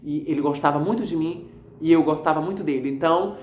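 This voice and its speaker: A man's voice: a little high, fast, a little mellow, slight background noise. A man, a pastor giving a fervent, repetitive religious testimony and calling listeners his brothers. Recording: echoey room.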